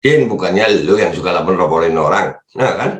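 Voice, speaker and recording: A man giving casual, mocking commentary while he reads out comments. His voice leaps up high when he teases, and he laughs often. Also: lively intonation, fairly quick, echoey room. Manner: mocking, laughs often, pitch jumps up sharply. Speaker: political commentary vlogger reading comments. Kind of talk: casual Jakarta-slang commentary.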